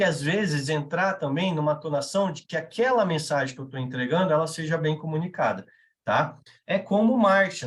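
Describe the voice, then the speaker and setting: A man with a Brazilian Portuguese accent teaching a live class, talking conversationally and checking in with his listeners. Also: on the high side. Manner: conversational, checks in with tag questions. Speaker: veterinary sales instructor.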